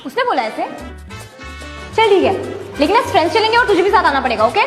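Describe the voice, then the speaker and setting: A woman's voice: very high-pitched, very animated, quick pace, fairly bright tone, roomy sound, soft background music, heavily acted. A bold, teasing schoolgirl. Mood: breezy. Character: girl student, bold and teasing. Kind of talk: Hindi comedy skit acting.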